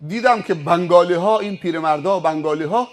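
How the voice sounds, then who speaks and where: A male preacher giving a sermon, telling stories with rhetorical questions. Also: high-pitched. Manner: animated storytelling with rhetorical questions.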